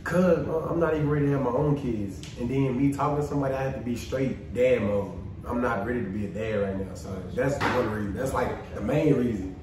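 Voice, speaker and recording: An animated twenty-three-year-old man speaks in a mid-range voice, pressing his points and repeating them. He is picked up from across a very echoey room. A steady noise sits under him. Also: mid-range voice, brisk, few pauses, far from the mic. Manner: animated, emphatic, repeats for emphasis. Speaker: guest. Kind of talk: casual chat.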